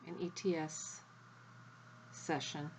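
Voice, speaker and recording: Leading a guided spiritual energy activation, a woman delivers short phrases slowly, leaving long pauses between them. Her voice sits low and level. The recording is rough, with slight hiss or hum.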